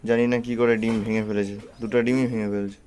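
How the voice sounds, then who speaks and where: Fast-talking and level in tone, this man's lowish, slightly mellow voice narrates a casual vlog as he walks through his pets' outdoor space, a pigeon loft and garden. The recording is noisy, with cooing pigeons, birdsong and other ambient noise around him.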